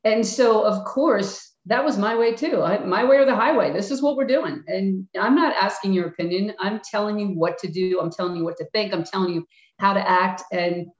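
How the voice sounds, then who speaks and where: The speaker is an older Philadelphia woman with a medium-pitched voice, a retired basketball coach who's a guest giving reflective interview answers. Frank and plainspoken, she acts out quotes of herself and players. The audio is roomy and muffled, from an echoey, dull-sounding room.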